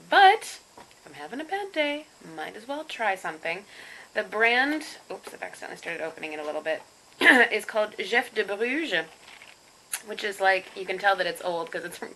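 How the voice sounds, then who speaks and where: Woman, casual vlog chat, gravelly edges, bright tone, self-deprecating, home desk mic. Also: medium pitch, a little hiss or hum, rough recording. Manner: chatty, self-deprecating, talks while eating. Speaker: vlogger. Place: home room with computer.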